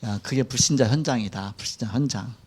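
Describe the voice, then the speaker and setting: A man's voice: medium pitch, fairly quick, husky. A middle-aged man preaching a sermon in a church. He speaks colloquially and animatedly, acting out quotes. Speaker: pastor. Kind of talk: sermon lecture.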